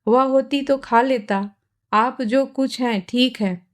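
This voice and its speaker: A woman reading aloud, voicing a calm young man who refuses firmly and quietly. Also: high-pitched, slow pace. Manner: calm, firm. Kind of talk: storybook reading.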